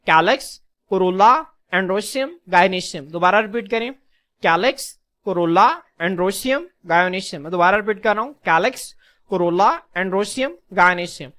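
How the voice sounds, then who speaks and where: A man with a fairly high voice gives a patient classroom lecture. He keeps addressing his students as children and asks them questions that he answers himself. He slows down on key terms and repeats them so the class can echo him. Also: fairly bright tone. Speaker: teacher.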